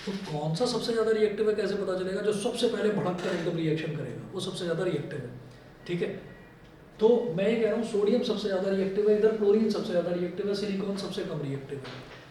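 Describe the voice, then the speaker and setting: A man's voice: high-pitched, fast, warm tone, slight background noise. A man teaching a recorded chemistry lesson to a class, explaining with everyday stories and playful asides. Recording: echoey room heard from a distance.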